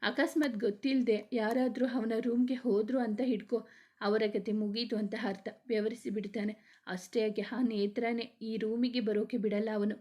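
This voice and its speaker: A woman's voice: a little high, steady tone, moderate pace, dark tone, close to an everyday voice. A woman voicing a chatty, gossipy young woman, the hero's sister, in a storybook reading.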